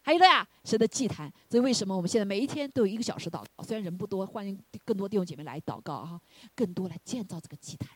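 A woman preaches a sermon. Her voice is husky and a little breathy, and it is recorded close and dry with no room sound. She climbs to loud, high praise and then falls back to quiet, questioning talk. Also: expressive, very fast, few pauses, dry recording. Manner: swells to loud exclamations of hallelujah, then drops low; asks the congregation questions.

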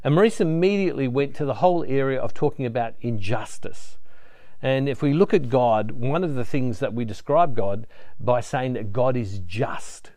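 A man's voice: medium pitch, normal speed, no room sound. A middle-aged man hosting a devotional show, talking earnestly and leading a spoken prayer, often restarting his phrases. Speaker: ministry host. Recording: soft music underneath.

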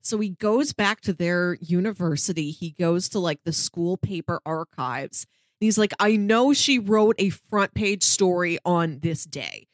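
A podcast co-host with a lowish voice speaks a little slowly in a dry recording. In a casual discussion and review, she explains her thoughts in loose, conversational sentences.

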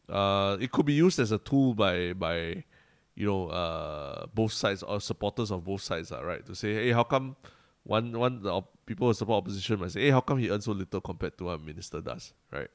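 Low-voiced Singaporean man chatting on a podcast. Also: no room sound. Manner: Singlish particles like "lah". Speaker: podcast co-host. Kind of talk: casual podcast discussion.

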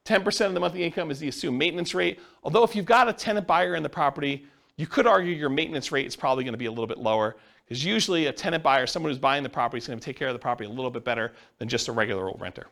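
A man's voice: on the high side, lively intonation, racing, vocal fry, fairly bright tone. A man teaching a class, explaining step by step and asking the class questions. He says he is losing his voice. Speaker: real estate instructor.

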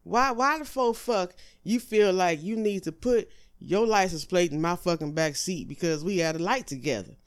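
A man hosting his own show, delivering a profane comedic rant with exasperated, high-pitched outbursts. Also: normal speed. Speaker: host.

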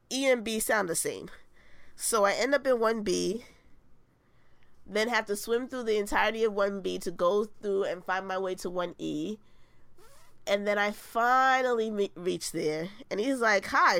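A woman co-hosting a podcast tells a story in casual chat, acting out quotes with animation. Her voice is medium-pitched and there's no echo.

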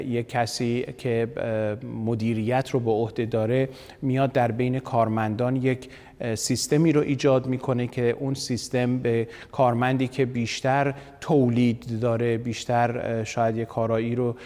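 Male discussion guest, mid pitch, hesitant and halting, reverberant recording. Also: darkish tone. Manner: hesitant, many filler sounds. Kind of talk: reflective discussion. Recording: long reverb.

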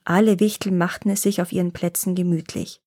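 A woman narrating a fairy tale as a storyteller, reading in an even, clear way. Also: lowish voice, a little fast, no room sound, clean studio sound.

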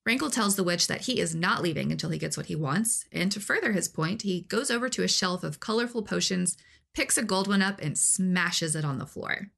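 Playful lower-voiced woman co-host. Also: expressive, a little fast, creaky, fairly bright tone. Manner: playful, laughs often. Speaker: podcast co-host. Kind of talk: casual chat and story recap.

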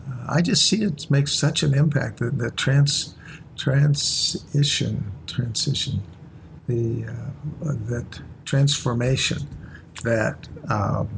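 A man's voice: mid-range voice, takes it slowly, vocal fry, slight background noise. An older man, a retiring church leader, talking in a reflective, hesitant way in conversation.

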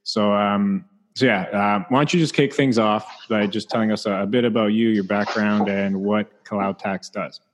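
Low, even-toned podcast host. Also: male voice, normal speed, big-room sound. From Canada. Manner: casual, upbeat, many fillers. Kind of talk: podcast interview.

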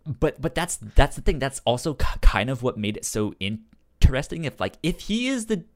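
This man co-hosts a podcast and talks about comic books in an easygoing manner. His medium-pitched voice is sing-song and a little fast, and a stutter leads him to repeat sounds and syllables.

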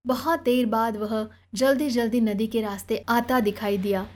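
A woman reads a novel aloud as an audiobook narrator. Her storytelling is steady and measured, and her voice sits fairly high.

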